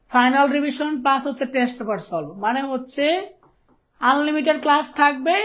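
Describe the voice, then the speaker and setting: Young Bangladeshi man, online class teacher, rapid and conversational, playful with students. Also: very high-pitched. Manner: chatty, teasing students, keeps asking "okay?". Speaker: ICT teacher. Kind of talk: live online class lecture.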